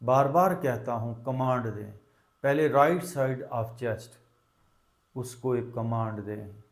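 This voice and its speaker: In this guided meditation, the man's voice is medium in pitch and his pace very slow and measured. Between his brief, gentle instructions he leaves long pauses, much as a teacher would for students to keep up.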